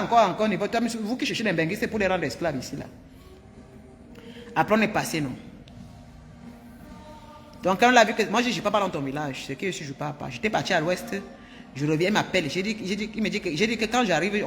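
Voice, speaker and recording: A woman from Cameroon, telling her viewers a personal story in an animated, emphatic way and repeating herself often. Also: mid-range voice, big-room sound, slight background noise. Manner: animated and emphatic, with frequent repetitions. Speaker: vlogger.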